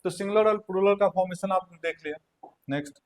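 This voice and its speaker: A man's voice: sits high, a little fast. A male teacher giving a language grammar lecture, repeating key points and checking in with his students often. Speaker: English teacher. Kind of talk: classroom lecture.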